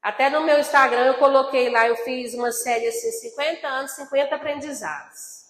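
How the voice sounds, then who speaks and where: A woman's voice: high-pitched, fairly even intonation, fairly quick, echoey room, in a large hall. A woman in her fifties preaching a sermon, telling a personal testimony with emotion and speaking straight to the congregation. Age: 50s. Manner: emotional storytelling, addresses congregation as brothers.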